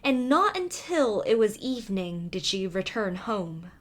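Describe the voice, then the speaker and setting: A woman narrating a storybook fairy tale from a script in an expressive, measured manner. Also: mid-range voice.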